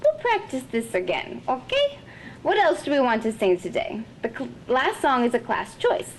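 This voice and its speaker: A woman voicing a lively, proud schoolteacher with a sing-song way of talking. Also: moderate pace, a little hiss or hum. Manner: sing-song, turning low and rough when angry.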